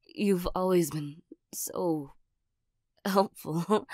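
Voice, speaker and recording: A woman as a shy, stammering cat girl, unhurried. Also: lowish voice, animated, a little mellow, dry recording, clean studio sound. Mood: flustered, shy. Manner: hesitant, stammering, giggly. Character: flustered, shy, nervous female cat creature with claws. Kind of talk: ASMR role-play, soft-spoken.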